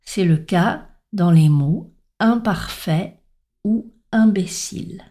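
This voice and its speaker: A woman gives a slow, deliberate spoken lesson on sounds. Her voice is soft and mellow, and she spells out letters one by one with clear stress on each example word. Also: fairly low pitch. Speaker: French pronunciation teacher.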